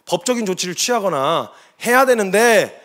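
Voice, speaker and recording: A man preaching as a missionary, telling a story with lively delivery and sudden shouted quotes. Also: high-pitched, normal speed. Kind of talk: sermon testimony.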